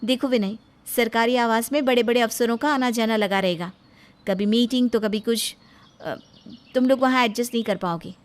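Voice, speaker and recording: A woman's voice: on the high side, normal speed, natural voice. A woman doing a haughty young officer wife. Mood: cool. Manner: haughty, dismissive. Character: proud ambitious young woman officer, arrogant. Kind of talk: Hindi storybook voice acting.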